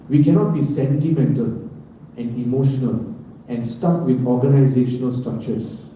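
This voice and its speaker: A man's voice: mid-range voice, warm tone, slight background noise. Man preaching in a big echoey room. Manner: asks the audience questions and answers them himself. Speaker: preacher giving a scripture class. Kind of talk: sermon. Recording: roomy, distant room recording.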